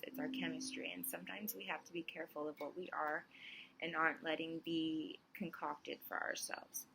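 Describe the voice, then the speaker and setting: A young woman vlogger in her sleepy morning voice, talking softly and unhurriedly through a reflective monologue with many pauses. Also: sits low, creaky, noisy background.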